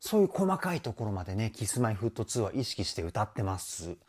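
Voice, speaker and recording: An enthusiastic male vocal trainer analyzing a music video. His pitch rises and falls a lot as he chats. He talks in a friendly, chatty way and sometimes sings short bits to show a point. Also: big pitch swings, fast talker, a little mellow. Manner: enthusiastic, chatty, often adds ね; sings short snippets to demonstrate.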